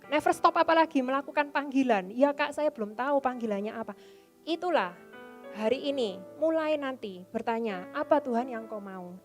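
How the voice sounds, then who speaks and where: A woman from Indonesia, preaching a sermon to a youth congregation and exhorting them with questions. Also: sits high. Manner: exhorting, asks the congregation for answers.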